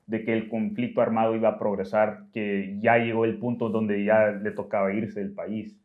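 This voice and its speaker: A man's voice: lowish voice, flat delivery, moderate pace, phone-quality sound. A man hosting a casual interview, asking his guest questions. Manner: attentive listener with short acknowledgments. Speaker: host.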